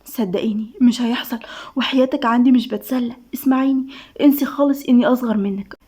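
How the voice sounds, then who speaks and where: A woman narrator puts on a cocky young man from an Egyptian office story, soft-spoken and teasing. He talks fast and keeps a slightly raised pitch for a man. His Egyptian accent colors every line. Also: steady tone, husky. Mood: tender. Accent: Egyptian Arabic.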